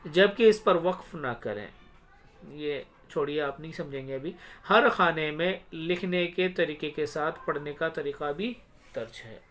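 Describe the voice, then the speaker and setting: A man teaching Quran reading step by step. He sounds out each word slowly and stretched, then explains quickly and checks with the listener. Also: fairly high pitch, a bit bright, slight background noise. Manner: asks the learner quick check questions. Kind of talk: step-by-step recitation lesson.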